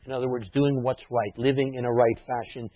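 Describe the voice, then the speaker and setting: A man delivers a teaching sermon at a middle pitch, patient and explanatory. He often drops his voice for quiet asides. The sound is thin and phone-like, with no room echo. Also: little pitch movement, brisk. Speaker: messianic rabbi preaching. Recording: dry tinny phone-like sound.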